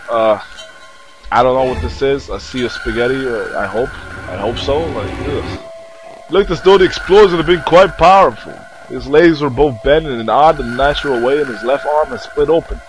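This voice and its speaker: A man's voice: medium pitch, poor audio. A young man playing through a video game, reading its text aloud with crude joking asides. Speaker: let's player.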